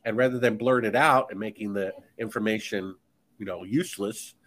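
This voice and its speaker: A man's voice: lowish voice, moderate pace, a bit bright. Emphatic, preachy man on a podcast. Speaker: guest author. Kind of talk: podcast conversation.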